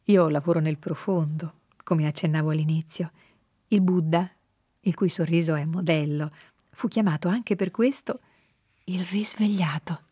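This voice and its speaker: A woman in a calm, measured conversation about spirituality, at times dropping to a soft whisper. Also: low-pitched, slightly rough, no echo, clean studio sound. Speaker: guest speaking on spirituality. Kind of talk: reflective conversation.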